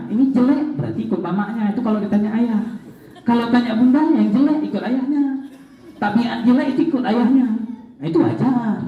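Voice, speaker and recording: A man giving a lively, joking seminar talk to parents, his voice jumping up in pitch for emphasis, recorded in a large hall. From Aceh, Indonesia. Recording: echoey hall, dull lo-fi sound.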